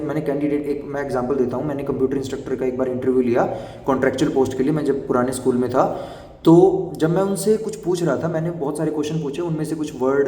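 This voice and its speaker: A young man giving fast, direct advice to job interview candidates in an instructive explainer style. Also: fairly high pitch, warm tone. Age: young adult. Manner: brisk and instructive, addresses viewers directly. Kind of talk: explainer video talk. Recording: echoey room, voice from far off the mic.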